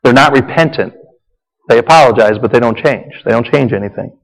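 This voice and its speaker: A man's voice: mid-range voice, fairly quick, gravelly. A man preaching a Bible lesson in a conversational, repetitive way, with offhand asides. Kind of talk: sermon-style teaching. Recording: echoey hall reverb.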